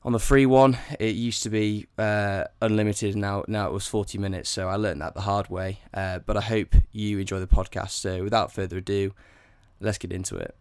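Soft-spoken young male podcast host. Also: lowish voice, fairly even intonation, moderate pace, smooth. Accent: faded Yorkshire, mostly southern English. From Yorkshire, England. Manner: hesitant, many ums and restarts. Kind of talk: casual interview chat.

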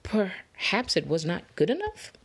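A woman's voice: mid-range voice, wildly swooping pitch, a little slow, slightly rough, pitched above the performer's own voice, heavily acted. A woman voicing a sly, smug male fox who speaks with false politeness, in a read-aloud storybook.

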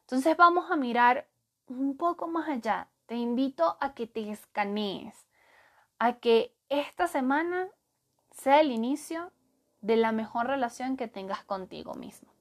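A woman with a fairly high voice talks straight to her listeners in a self-help podcast monologue. She is a therapist and keeps her tone encouraging and motivational, urging people to look after themselves. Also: lively intonation, measured pace.

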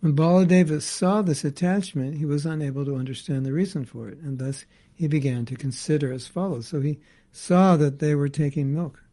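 Gravelly man explaining scripture to a class. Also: on the high side, fairly quick, warm tone. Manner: reads a passage then comments in casual asides. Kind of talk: reading and explaining scripture to a group.

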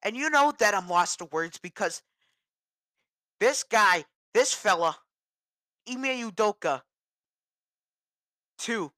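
A woman's voice: mid-range voice, animated, takes it slowly, pauses often, pushed and bright, no room sound, clean studio sound. A woman from New England ranting about her team in an agitated, repetitive way. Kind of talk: ranting sports vlog.

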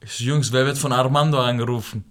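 A man's voice: mid-range voice, fast talker. A young man telling a story on a studio podcast, in casual slangy talk, laughing and restarting often. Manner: animated, laughing, slangy, many fillers and restarts.

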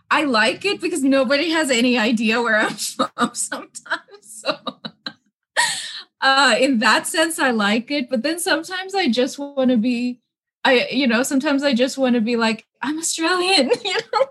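A young woman with a mixed accent that is hard to place talks in a slightly high voice. Her speech is loose and conversational, full of fillers, and she laughs often as she answers interview questions from her parents' home. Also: fairly bright tone. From Middle East (Kuwait). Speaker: interview guest. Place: bungalow room with books at her parents' home.

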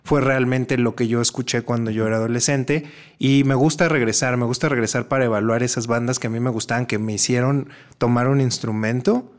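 A man, guesting on a relaxed conversation. He answers in a reflective, measured way at a middling pitch and circles back over his own phrases. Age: 40s. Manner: reflective, measured, with some restarts. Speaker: guest musician. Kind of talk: casual conversational interview.

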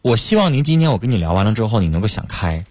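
A man hosting a radio advice show, calming and guiding a distressed caller. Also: fairly low pitch, racing, dry recording. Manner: soothing, guiding. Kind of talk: counseling phone-in talk.

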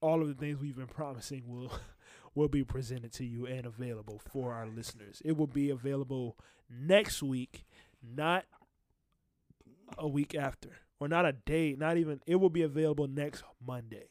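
A man in his late twenties hosting a podcast, keeping the talk on track in a steady way. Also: medium pitch, normal speed, no echo. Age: late 20s. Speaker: podcast host. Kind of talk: casual chat.

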